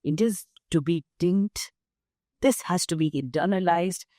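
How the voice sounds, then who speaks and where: An older woman with an Indian accent, speaking as a guest in an interview, measured and emphatic as she explains through lists of examples. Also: on the low side, dark tone, no echo, studio quality. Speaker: guest, nonprofit founder. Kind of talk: interview conversation.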